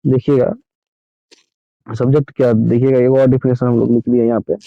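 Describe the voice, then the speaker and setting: A male teacher giving a grammar lesson, asking questions and answering them himself, and slowing down to read definitions aloud. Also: medium pitch, level tone, vocal fry, no room sound, lo-fi sound. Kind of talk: classroom-style grammar lesson.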